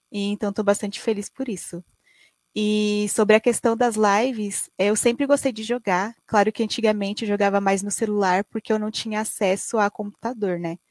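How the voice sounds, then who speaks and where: A woman's voice: medium pitch, dry recording. Brazilian woman, late twenties, friendly, dry close headset sound, conversational. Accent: Brazilian Portuguese. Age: 20s. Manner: friendly, tags sentences with "né". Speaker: guest streamer. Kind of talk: conversational interview answers. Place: bedroom. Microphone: gaming headset.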